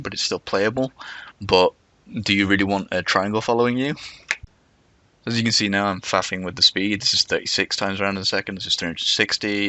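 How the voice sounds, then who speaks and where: A man's voice: low voice, sharp tone, no echo. A man with whistling S sounds, giving a rambling, self-deprecating, unscripted narration as a game developer.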